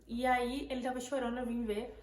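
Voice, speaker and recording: A woman's voice: fairly high pitch, little pitch movement, brisk. Emotional Brazilian woman vlogger, echoey room. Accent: Brazilian Portuguese. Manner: breathless, emotional retelling with repeated words. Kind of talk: casual storytelling to camera. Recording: echoey room, faint background noise.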